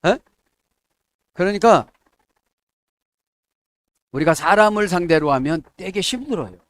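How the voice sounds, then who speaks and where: A middle-aged man preaching a sermon as a pastor, checking in with his listeners and acting out quoted prayers in a softer, lower voice. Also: lively intonation, measured pace, no echo, studio quality. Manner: asks the congregation "에?" to check agreement.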